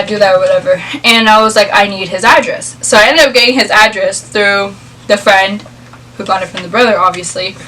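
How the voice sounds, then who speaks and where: A woman's voice: medium pitch, pushed and bright, distant mic, slight background noise, rough recording. A young adult woman chatting casually as she tells a story, in informal speech peppered with "like". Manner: informal, filler-heavy speech with frequent "like". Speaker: vlog co-host.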